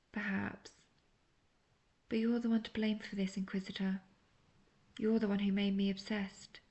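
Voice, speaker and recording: A woman's gravelly, mid-range voice brings to life an obsessive, seductive, manipulative witch in an intimate audio roleplay, sounding possessive and infatuated. She teases and coaxes the listener softly, at times almost whispering. The sound is lo-fi.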